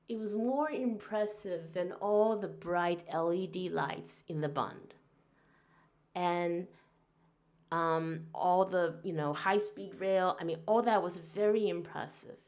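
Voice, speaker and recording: A woman's voice: lowish voice, a little mellow. A woman in her forties from Taiwan, hosting a podcast with an earnest, reflective monologue full of fillers and restarts. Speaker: podcast host.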